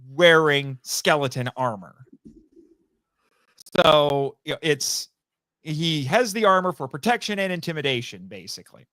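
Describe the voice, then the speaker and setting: This is a podcast guest, a voice actor whose slightly higher-than-average male voice comes across a bit bright and clean. His interview manner is relaxed and eager, talkative and explanatory, with frequent self-corrections, and the sound is dry with minimal echo.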